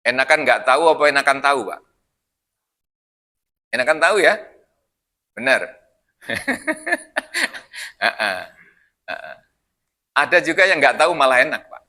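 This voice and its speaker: A man's voice: mid-range voice, bright, forceful tone. An older man giving a chatty mosque study sermon, joking and throwing questions at the congregation. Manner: chatty, jokey, keeps asking the audience questions. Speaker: preacher.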